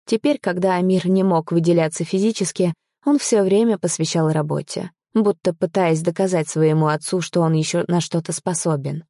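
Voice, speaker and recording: A woman's voice: lowish voice, normal speed, hardly any pauses, mellow, dry recording, studio quality. A woman narrating a first-person romance audiobook, voicing the heroine with emotion.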